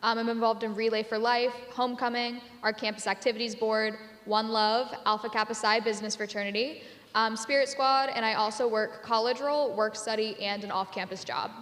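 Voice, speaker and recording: A woman's voice: fairly high pitch, steady tone, a bit bright. A young woman from Pennsylvania, a student orientation leader, introducing herself and rattling off a list. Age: young adult. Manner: quick list-like self introduction. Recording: reverberant hall.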